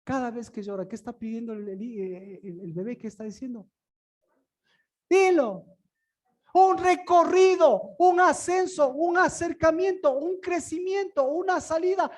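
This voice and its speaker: High-voiced man preaching with rhetorical questions. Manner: asks the room many rhetorical questions; repeats and restarts words often. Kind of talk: sermon-style Bible teaching.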